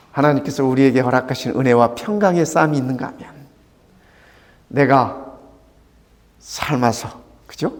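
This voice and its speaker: Fervent older male pastor, lively pitch. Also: big-room sound. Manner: swings from fervent raised lines to hushed near-whispers. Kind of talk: sermon.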